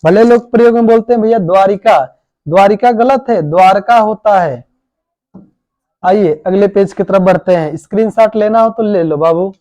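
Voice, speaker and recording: A man's voice: high voice, normal speed, warm tone, no echo. A man teaching correct spelling for exams. He asks questions and answers them himself, and calls his students "babu" and "bhai". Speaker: coaching teacher. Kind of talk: exam-prep spelling lesson.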